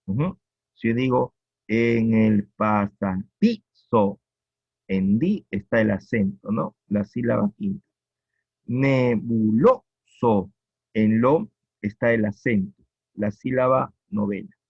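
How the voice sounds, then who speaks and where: A man with a Peruvian accent teaching a poetry lesson, explaining slowly and repeating each point with checking questions. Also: on the low side, creaky, slightly rough, no room sound. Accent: Peruvian Spanish. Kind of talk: classroom lecture on poetry. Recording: dull lo-fi recording.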